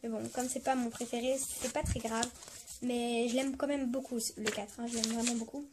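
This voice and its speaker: A woman's voice: a little high, fairly even intonation, moderate pace, background noise. Hesitant, chatty woman vlogger. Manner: hesitant, many fillers and restarts; chatty and enthusiastic. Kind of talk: casual storytelling vlog.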